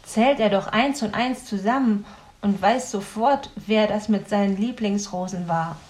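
A woman's voice: mid-range voice, unhurried, darkish tone, natural voice. Woman playing a sulky, fretful young man. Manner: sulky, grumbling.

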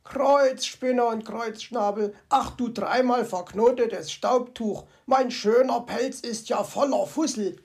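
Storybook fox gentleman, chatty and self-talking, gravelly edge; woman reader puts him on. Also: a little high, slow pace, few pauses, voice pushed up. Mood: delighted. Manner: chatty, talks to himself, comic grumbling. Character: cheerful fussy male fox, Herr Fuchs. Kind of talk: storybook character voice.

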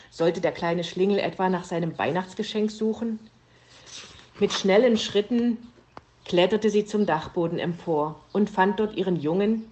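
A woman narrating a children's story with an expressive reading manner. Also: mid-range voice.

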